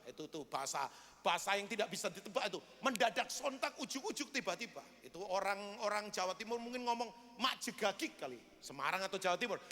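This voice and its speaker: Animated storytelling pastor man. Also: sits high, fast talker. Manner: storytelling, chatty, asks the congregation questions. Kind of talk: sermon. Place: church. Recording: echoey church hall.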